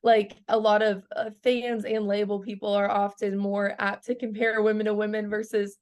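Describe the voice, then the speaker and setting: A country singer in her early twenties gives a casual interview at normal speed. Her pitch is medium with little movement, and she comes across as bubbly, laughing a lot and using "like" constantly.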